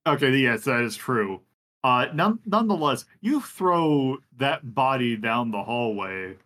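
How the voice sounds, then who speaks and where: Man, game master, tabletop narration, halting, lots of fillers, mid pitch. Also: lively intonation, a bit bright. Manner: halting, many fillers and restarts.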